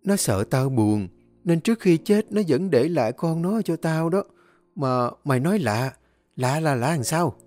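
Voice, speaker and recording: A woman's voice: deep voice, expressive, measured pace, dark tone, no echo, pitched above the performer's own voice. A man voicing a fussy, scolding old woman in a storybook tale, wailing over her complaints. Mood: relieved. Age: older.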